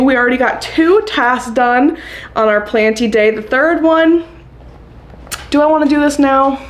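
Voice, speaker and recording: A young woman vlogging casually about her houseplant chores, chatty and upbeat, laughing often. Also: on the high side. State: hiccuping. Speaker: plant vlogger. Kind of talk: casual chat to camera.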